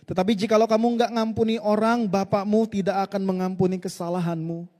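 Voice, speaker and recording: A man's voice: high-pitched, flat delivery, brisk, darkish tone. A man preaching a sermon, telling a story and often speaking straight to the congregation, getting them to answer back. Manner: leads the congregation in call-and-response. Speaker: pastor. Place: church hall. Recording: long hall reverb.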